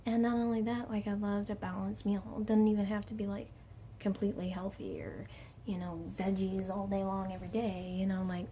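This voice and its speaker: A woman's voice: medium pitch, a little fast, mellow, a little hiss or hum. A woman in her late twenties talking candidly in a casual personal vlog, chatty and self-mocking with plenty of fillers. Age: late 20s. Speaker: vlogger.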